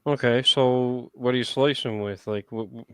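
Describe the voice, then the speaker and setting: A man's voice: mid-range voice, fairly even intonation, moderate pace, a bit bright, smooth, no echo. A man talking informally as a guest on a livestream, in an easy conversational style. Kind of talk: casual livestream chat.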